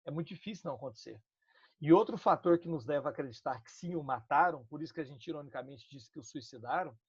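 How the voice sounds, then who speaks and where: Lively Brazilian literature teacher, man. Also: fairly high pitch, breathy edge, dry recording, highs cut off. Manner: lively, talks straight to students with slang and quick asides. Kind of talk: recorded online lesson.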